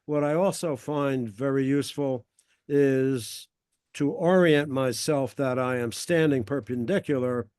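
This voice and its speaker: A man's voice: medium pitch, a little slow, darkish tone, smooth, no echo, studio quality. A man in his seventies in casual group chat, politely offering tips in formal phrasing. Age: 70s. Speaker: meeting participant.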